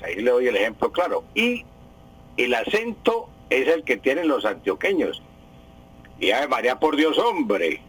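Radio language expert, husky voice, patient and repetitive explainer, broadcast sound. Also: male voice, medium pitch, poor audio. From Colombia. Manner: explanatory, repeats key words. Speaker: language expert answering listener questions. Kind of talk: radio Q&A segment.

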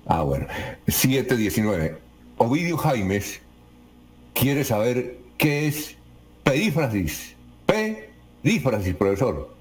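A man hosting a radio show, announcing the time and reading listener questions briskly. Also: medium pitch, very animated.

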